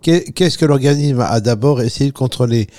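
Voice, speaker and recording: A man with an Italian accent speaks as a nutrition guest on a talk show, mixing Italian words into his French while he explains and jokes. His voice is dark and mellow, and the recording is dry and close. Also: medium pitch, normal speed, no room sound. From Italy. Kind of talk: radio chat, explaining health topics.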